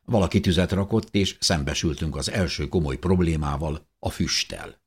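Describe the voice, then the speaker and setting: A man's voice: rumbling low, slightly rough. A man narrating a novel in the first person, telling the story expressively as an audiobook reader.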